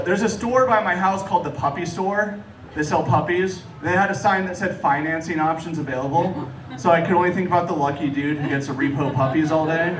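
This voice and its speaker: A man doing a stand-up comedy set in a casual storytelling manner with hesitant asides, talking to a live audience. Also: a little high. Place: echoey room with a live audience. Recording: roomy distant live recording, clear noise. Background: audience laughter and room noise.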